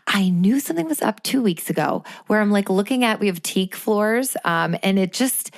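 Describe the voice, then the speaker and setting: A woman's voice: mid-range voice, expressive, normal speed, no room sound, studio quality. A woman co-hosting a podcast in easygoing casual chat, laughing along. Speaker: podcast co-host.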